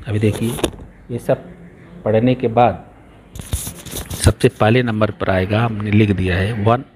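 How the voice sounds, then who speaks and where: Slow, mellow-voiced Indian man teaching. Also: on the low side, slight background noise, rough recording. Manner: reads English lines slowly, then explains in Hindi. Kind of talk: textbook lesson explanation in Hindi and English.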